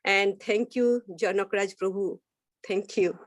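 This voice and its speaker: A woman introducing herself in a video meeting, speaking in a halting way with restarts. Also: medium pitch, fairly even intonation. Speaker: meeting participant. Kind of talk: self-introduction on a video call. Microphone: video call.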